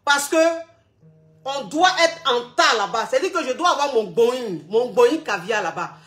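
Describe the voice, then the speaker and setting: A woman with a high voice hosts a live call-in advice show. She talks bluntly and repeats her points, calling her listeners by pet names. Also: lively intonation, moderate pace, fairly bright tone. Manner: blunt, repetitive, affectionate terms.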